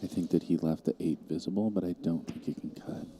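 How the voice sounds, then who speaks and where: Low dark-voiced male pool commentator. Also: a little fast, a little hiss or hum. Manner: calm, analytical shot-by-shot calls. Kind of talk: live sports commentary.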